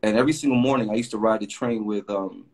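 Speaking through a webcam on a video call, this middle-aged graffiti artist from Puerto Rico tells long, filler-heavy, wandering stories as a guest in a relaxed interview. His voice sits fairly low, moves quickly and sounds slightly rough.

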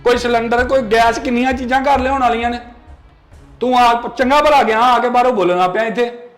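A stern older brother lecturing his spoiled sibling, played by a man. His voice is very high for a man. It is recorded in an echoey room with faint music behind. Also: fairly even intonation, fairly quick. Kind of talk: home-made family skit acting.

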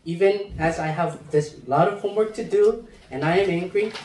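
A man's voice: sits high, moderate pace, a little mellow. A man in his thirties, an assistant pastor, preaching to young people in front of a chalkboard, speaking into a handheld microphone and acting out children's moods with playful voices. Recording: roomy echo, mic heard from a distance.

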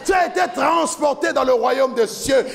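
Man preacher, 40s, very high gravelly voice, shouts and chants his sermon on a handheld mic, soft music behind. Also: normal speed. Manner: impassioned preaching, often shouting, chanting cadence. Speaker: pastor. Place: large church hall with a stage, indoors.

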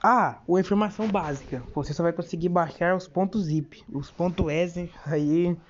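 Higher-pitched Brazilian man, chatty tutorial. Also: normal speed. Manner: chatty, informal, talking to viewers as pals. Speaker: tutorial host. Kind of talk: casual phone screen-recording tutorial. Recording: dull lo-fi phone screen-recording audio.

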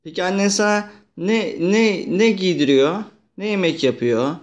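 A young man gently and patiently questioning his little daughter in a casual, playful chat. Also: sits high, moderate pace.

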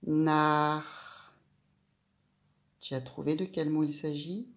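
A woman teaching a reading lesson to a young child, sounding out syllables slowly and clearly and asking the child questions. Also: low voice, warm tone. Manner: slow, clear, syllable by syllable, addressing the child directly.

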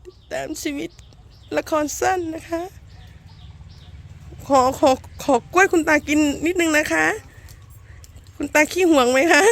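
A woman's voice: sits high, unhurried, long pauses. A woman hosting a homemade comic skit outdoors, narrating in a playful, mock-earnest documentary manner with polite sentence endings. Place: outdoors in a rural garden. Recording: noisy outdoor amateur recording.

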